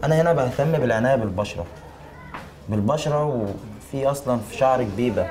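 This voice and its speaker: A man with an Egyptian accent, posing as a hairdresser for a hidden-camera prank in a salon and calmly provoking his customer with deadpan insults. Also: medium pitch, fast talker, a crowd in the background. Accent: Egyptian Arabic. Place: hair salon.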